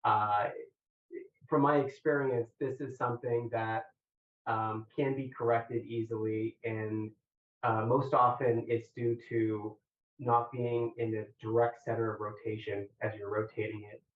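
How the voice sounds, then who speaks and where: A man giving technical feedback and questions as an examiner, halting, measured and collegial, over very echoey, distant remote audio. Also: medium pitch, flat delivery, phone-quality sound, a little hiss or hum. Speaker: examiner questioning a thesis candidate.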